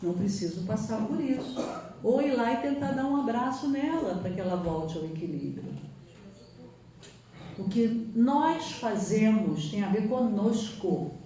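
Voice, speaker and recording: A woman with a Brazilian accent delivers an earnest spiritual lecture, her voice fairly high yet mellow and warm. She presses her points with rhetorical questions. The sound is heavily echoey and picked up from a distant mic in a large hall. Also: expressive, unhurried, a little hiss or hum. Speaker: psychologist.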